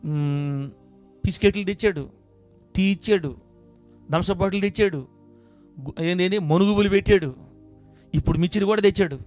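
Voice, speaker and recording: High-pitched guy preaching at church, goes quiet then loud and emphatic, faint music in the back. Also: fairly quick, pauses often. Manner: preaches to the congregation, shifting from hushed asides to loud emphatic bursts. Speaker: pastor. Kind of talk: sermon. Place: church service before a congregation.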